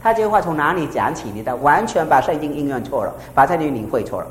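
A woman with a low voice preaches a lively sermon. She keeps asking her listeners questions. Her voice rings in an echoey hall over a faint rumble. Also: quick pace.

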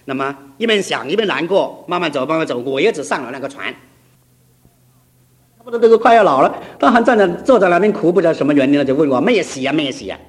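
A man's voice: fairly high pitch, animated, fast. A middle-aged male pastor preaching a sermon, telling a story with emphatic, urgent build-ups.

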